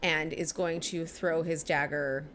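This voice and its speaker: Lower-voiced woman running a tabletop game. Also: steady tone, measured pace, a bit bright. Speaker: game master. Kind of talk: improvised tabletop game narration. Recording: faint background noise.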